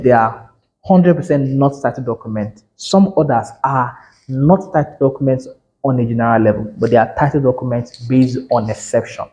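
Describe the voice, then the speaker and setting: A man's voice: mid-range voice, mellow, poor audio. Man lecturing realtors. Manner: conversational, self-correcting, emphatic. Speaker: real estate instructor.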